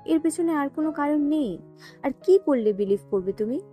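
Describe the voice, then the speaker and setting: A woman reading the lines of a hot-tempered young man in an audio story, shouting and speaking through clenched teeth. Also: high voice, animated, normal speed, soft background music, voice pushed up. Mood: angry.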